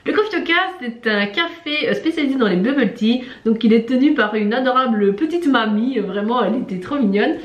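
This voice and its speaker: A woman's voice: on the high side, a little fast, hardly any pauses, roomy sound, lo-fi sound, faint music behind. A woman co-hosting a travel vlog, chatting casually as a guide with lots of fillers. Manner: chatty, many fillers, laughs at herself. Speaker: travel vlogger. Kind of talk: casual guide talk with a co-host.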